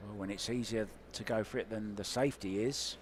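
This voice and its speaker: A man's voice: lowish voice, fairly even intonation, a little fast, a little hiss or hum. Male pool commentator, chatty play-by-play. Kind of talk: live sports commentary.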